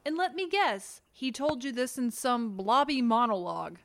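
A woman's voice: fairly high pitch, animated, normal speed, a bit bright. A woman voicing a wry, skeptical young woman in a cartoon, with a dry, sarcastic manner.

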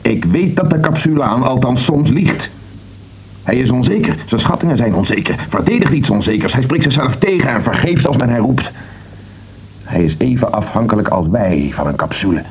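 A man's voice: medium pitch, expressive, moderate pace, darkish tone, slightly rough, low-quality recording. An actor playing a defiant man who doubts the fixed hour of death, with an intense, probing manner, in a radio drama.

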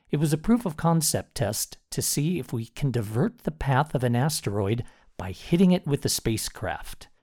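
An American man narrates a scripted science report. His voice sits at a middling pitch and has a dark, mellow tone.

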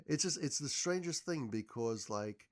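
A man's voice: mid-range voice, expressive, moderate pace. A man as a podcast guest, talking casually and rambling with lots of restarts. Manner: rambling, many repeated starts. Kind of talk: casual conversation.

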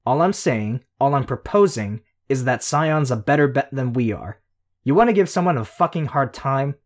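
A man reading a story aloud, voicing a sharp-tongued young woman who taunts a monster in a heated, needling way. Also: mid-range voice, moderate pace, close to an everyday voice. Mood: taunting. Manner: heated, needling, rising to near shouts.

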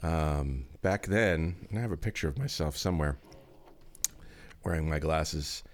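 Deep-voiced man with groggy morning voice. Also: a little slow. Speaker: podcast co-host. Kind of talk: casual chat.

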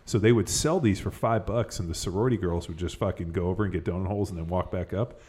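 A man's voice: low voice, fast, darkish tone, slightly rough. A man hosting a podcast in loose, casual chat, swearing often and rambling with lots of fillers. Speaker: podcast host.

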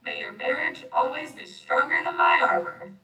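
A man's voice: extremely high pitch, lively intonation, moderate pace, pushed and bright, a little hiss or hum, heavily acted. A male playing Iron Man, a defensive armored superhero, in a youth audio play, recorded roomy and off the mic. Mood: celebratory. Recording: roomy, distant mic, faint music.

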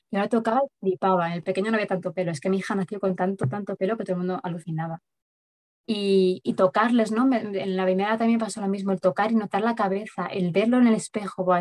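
Fast-talking woman. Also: medium pitch, a little mellow. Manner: rapid, chatty, many verbal fillers. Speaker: guest mother recounting a home birth. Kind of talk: personal storytelling in an interview.

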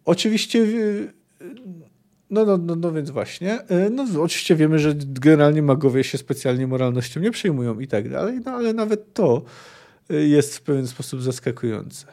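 A man's voice: a little high, animated, moderate pace, warm tone. A man hosting a book podcast, reading passages aloud and commenting on them in a thoughtful, hesitant way. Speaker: podcast host discussing a book.

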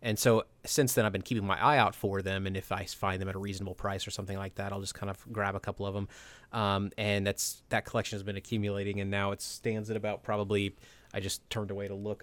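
Low-voiced man chatting on a podcast. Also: quick pace. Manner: relaxed, chatty, filler-heavy. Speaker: co-host. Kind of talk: casual podcast chat.

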